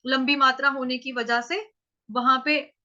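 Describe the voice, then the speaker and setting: A woman teaching verse pronunciation in an online class, patiently sounding out each syllable slowly. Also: sits high, fairly even intonation, pushed and bright, highs cut off. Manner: patient, drawn-out syllable-by-syllable demonstration. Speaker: Sanskrit recitation teacher.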